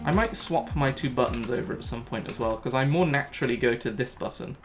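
Young male gaming host, mid-pitched, rambling thinking-aloud commentary, faint music bed. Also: fairly quick. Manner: chatty, thinks aloud, repeats himself when panicking. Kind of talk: live gameplay commentary.

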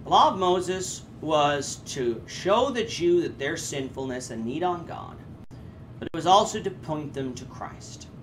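A man in his thirties leads a Bible class with an earnest, explaining manner. His pitch swings widely as he talks, and he often stops and restarts. Faint ambient hum sits behind him. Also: a little slow. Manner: earnest, with lively rises in pitch and frequent hesitations. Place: indoors before a red curtain. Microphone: camera framed chest-up.

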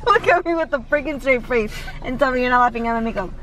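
High-voiced young woman teasing her boyfriend. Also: fast talker, a bit bright, dull audio. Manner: playfully indignant, says "dude" and "bogus". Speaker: vlogger, girlfriend. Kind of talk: casual couple vlog banter.

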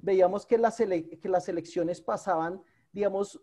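On an online video call for an academic seminar, a man asks questions with careful, hesitant phrasing, repeating words as he goes. His voice is high and warm, at a moderate pace.

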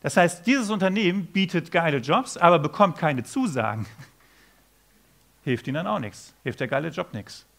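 Male keynote speaker, 40s, high and very lively delivery, storytelling with acted-out quotes. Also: moderate pace, creaky. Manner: animated storytelling, acts out quoted dialogue. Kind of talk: conference keynote talk. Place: conference stage.

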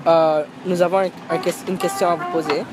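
A man's voice: a little high, level tone, a little fast, loud music behind the voice. A teenage boy, a student interviewer, politely and somewhat hesitantly asking passers-by a question on the street. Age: teens. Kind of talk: street vox pop questions. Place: city sidewalk outdoors.

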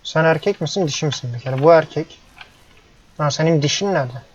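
A man's voice: fairly high pitch, lively intonation, fast talker, slightly rough. Grumbling young man gaming on a headset. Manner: frustrated, grumbling, talks to the animals. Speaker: gameplay YouTuber. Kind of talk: casual let's-play commentary. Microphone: headset microphone. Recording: dull lo-fi headset mic with faint noise.

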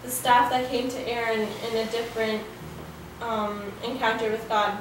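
A woman's voice: on the high side, level tone, unhurried, slight background noise. A young woman interpreting a sermon line by line, hesitant, with fillers and restarts. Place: living room set with framed pictures. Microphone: far camera. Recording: echoey room from far off, faint music.

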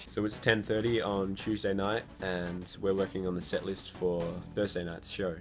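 A man's voice: deep voice, level tone, normal speed, music in the background. An Australian man chatting casually to camera in a vlog, joking around and swearing freely. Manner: jokey, laughs often, swears freely. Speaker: touring musician vlogger.

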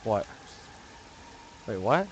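A man's voice: lowish voice, big pitch swings, very slow, dull audio, slight background noise. A man streaming himself playing a horror game, jumpy and swearing constantly as he talks through it. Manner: jumpy, swears constantly, pleads others to take over. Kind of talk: live horror game commentary.

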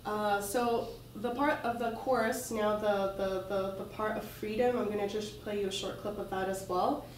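A woman speaking to a conference audience in a relaxed, somewhat halting manner. She sits some distance from the mic in a reverberant lecture hall, with a faint hiss underneath. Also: mid-range voice. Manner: casual, halting, loose phrasing. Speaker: conference presenter. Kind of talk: conference talk. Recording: echoey hall, mic far off.

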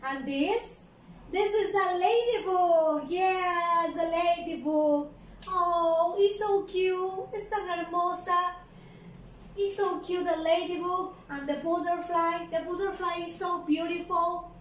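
A woman with a Mexican accent teaching small children English words, repeating each one slowly and translating it into Spanish. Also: very high voice. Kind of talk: bilingual vocabulary lesson for small children. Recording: echoey room from far off, faint noise.

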